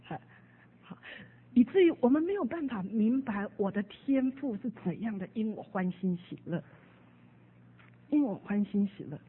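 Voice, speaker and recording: A woman preaching a sermon, telling stories and acting out the people she quotes with sudden jumps in pitch and loudness. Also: expressive, normal speed, pauses often, husky. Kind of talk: sermon with storytelling. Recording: narrow phone-like radio broadcast.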